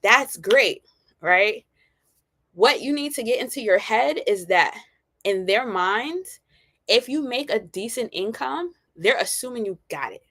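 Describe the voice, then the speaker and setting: A woman's voice: a little high, animated, moderate pace, fairly bright tone, no echo. A woman in her forties hosting a live college planning session, talking conversationally and often checking in with "right?". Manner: conversational, frequent "right?" tag questions; candid and personable, with fillers. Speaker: college planning advisor and host. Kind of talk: live-streamed informational talk.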